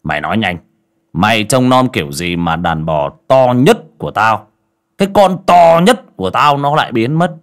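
A man voicing a tyrannical rich village landlord who shouts and bullies a servant. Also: on the low side, lively intonation, normal speed. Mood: bullying angry. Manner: shouting, bullying.

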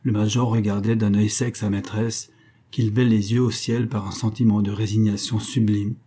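Low, husky male audiobook narrator. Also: little pitch movement, moderate pace, warm tone.

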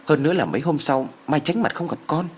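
A man's voice: a little high, expressive, quick pace, a little hiss or hum, voice pushed up, close to an everyday voice. A man voicing an anxious young man who answers his parents hesitantly.

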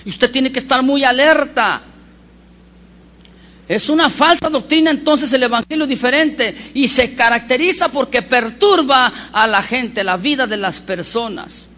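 A man preaching a sermon as pastor, telling stories with lively emphasis and asking the congregation rhetorical questions. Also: very high voice, a little slow. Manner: animated storyteller with rhetorical questions.

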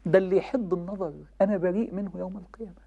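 A woman's voice: lowish voice, fairly even intonation, racing, mellow, highs cut off. A young woman with an Egyptian accent giving an impassioned religious talk, pleading with young people in the audience. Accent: Egyptian Arabic. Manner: impassioned, pleading, addresses the youth directly. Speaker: preacher.

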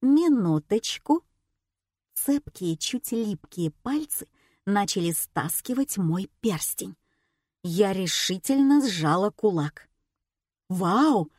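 Woman narrating an audiobook, lively and ironic, dry close mic. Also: medium pitch, slow, dry recording.

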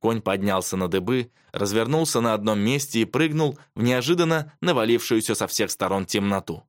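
A man reading a children's adventure story aloud as narrator, measured and even. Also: fairly low pitch, no room sound, clean studio sound. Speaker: audiobook narrator. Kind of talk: scripted narration.

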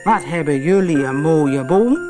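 A woman voicing a generous, kindly old male shopkeeper in a calm, lowered voice. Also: a little slow, over music. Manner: low, calm and friendly.

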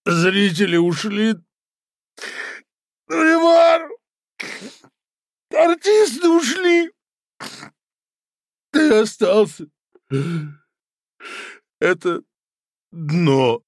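Storybook villain: a wailing, self-pitying theatre tyrant, gravelly and high. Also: male voice, lively intonation, slow, long pauses, dry recording, clean studio sound, full character voice. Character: self-pitying tyrant puppet-theatre master, middle-aged man. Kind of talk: audiobook character voice.

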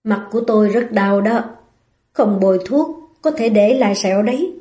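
A woman's voice: medium pitch, normal speed, dark tone, close to an everyday voice. A woman reading a cocky playboy. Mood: teasing. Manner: teasing, cocky.

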